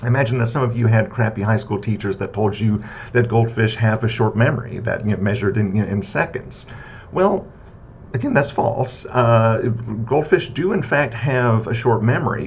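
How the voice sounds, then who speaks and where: A man lecturing on philosophy in a casual, conversational way, often checking in with "right?" and filling pauses with "uh". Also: expressive, a little mellow. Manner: conversational, frequent "right?" and "uh" fillers; repetitive list-like debunking of myths. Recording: slightly dull lo-fi audio with faint rumble.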